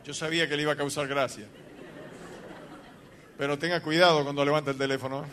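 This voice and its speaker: A man, a pastor telling a dramatic story in a sermon with sudden loud outbursts. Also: fairly high pitch, fairly even intonation, quick pace, a little hiss or hum.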